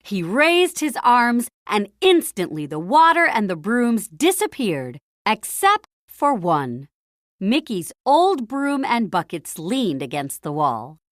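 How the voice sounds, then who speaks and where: A woman reads aloud from a children's story, narrating in a mid-range voice that sounds lively and musical. She keeps a measured, slightly slow pace and lands key phrases with dramatic emphasis; the audio is dry and echo-free.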